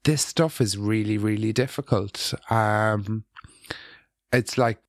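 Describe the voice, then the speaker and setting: A man's voice: on the low side, takes it slowly, no echo, clean studio sound. A man co-hosting a casual tech podcast about app development, talking in a hesitant way with many ums and restarts.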